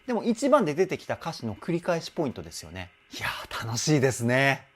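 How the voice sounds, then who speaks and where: A man working as a vocal coach, explaining a singer's technique in an animated, enthusiastic way. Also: medium pitch, fast, breathy edge. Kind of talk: song reaction and vocal analysis. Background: faint music from the song being analyzed.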